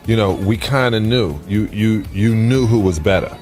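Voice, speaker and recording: A man who once played pro ball, recounting an old game story with relish and quick asides. His voice sits a little low, and a light music bed runs behind him. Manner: animated anecdote teller, laughs at own story. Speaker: former pro basketball player. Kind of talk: storytelling in an interview.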